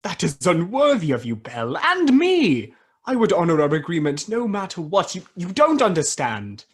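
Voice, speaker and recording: An actor in a radio play voicing Ebenezer Scrooge as an anguished, defensive man who cares for money, with a husky, earnest delivery. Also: mid-range voice, huge pitch swings, moderate pace. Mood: defensive, hurt. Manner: earnest, pleading, dramatic.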